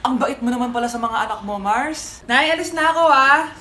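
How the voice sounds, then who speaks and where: A woman's voice: high-pitched, lively intonation, brisk, slight background noise. A woman with a Filipino accent acting out comic family skits, switching between a bratty child and a scolding mother. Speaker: comedy sketch creator. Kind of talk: comedic skits playing several family roles. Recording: echoey room with loud music behind.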